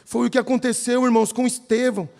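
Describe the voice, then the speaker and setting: Brazilian guy preaching, super gravelly voice, long echo in a church hall. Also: very high-pitched, fast. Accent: Brazilian Portuguese. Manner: lively, keeps calling the audience brothers. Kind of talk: sermon with personal storytelling.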